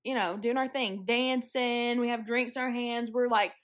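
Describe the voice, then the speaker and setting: A woman's voice: a little high, fairly even intonation, moderate pace, fairly bright tone. A young woman with a Missouri accent, a podcast co-host telling a story in casual chat. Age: young adult. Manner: storytelling, acts out others' lines.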